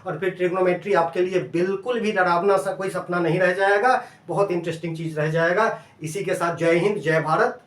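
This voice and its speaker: A man's voice: sits high, steady tone, a little fast, hardly any pauses, a bit bright. A man teaching math to students in a coaxing, repetitive way, checking often that they follow. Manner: coaxing, addresses students as dear children; repeats and checks understanding. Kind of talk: classroom-style lesson video. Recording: echoey room, distant from mic.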